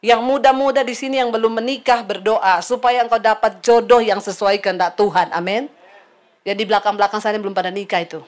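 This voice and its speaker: A middle-aged woman pastor preaching a sermon in a lively, teasing way, addressing her congregation directly. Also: mid-range voice, fast talker.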